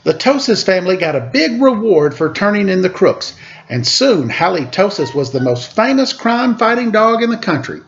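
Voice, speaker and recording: A man with a fairly high voice reads a children's story aloud as host. His pitch moves around a lot as he tells it dramatically. The sound is slightly dull and lo-fi. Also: big pitch swings, moderate pace. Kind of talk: expressive children's picture-book read-aloud with casual asides.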